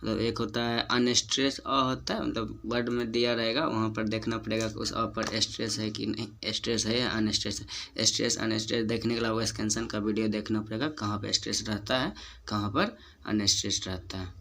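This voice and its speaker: A man's voice: on the low side, steady tone, fairly quick, creaky, fairly bright tone, slight background noise. A man with a Hindi accent teaching English phonetics, repeating example words and checking in with his students. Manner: repeats each example word and checks in with "ठीक ना". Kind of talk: whiteboard lesson explaining rules.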